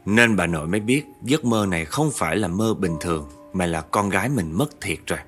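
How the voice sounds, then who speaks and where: A man tells a ghost story in a chatty, conversational way, often speaking straight to his listeners. His voice sits on the low side, and faint music plays beneath the narration. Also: expressive, brisk, a bit bright. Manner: chatty, addresses listeners directly.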